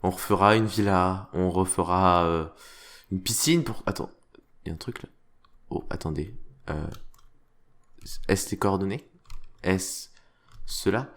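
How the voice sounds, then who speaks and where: A man's voice: low voice, measured pace, pauses often. Hesitant, mock-formal game commentator man. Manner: mock-formal, theatrical, hesitant with many fillers. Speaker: let's play host. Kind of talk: semi-roleplay game commentary.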